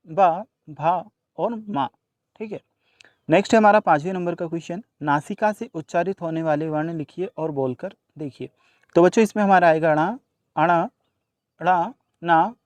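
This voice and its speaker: A man's voice: fairly high pitch, a little mellow, no echo. A male teacher working through a workbook solution lesson, addressing children, asking questions and answering them himself, dropping English words and numbers into his speech.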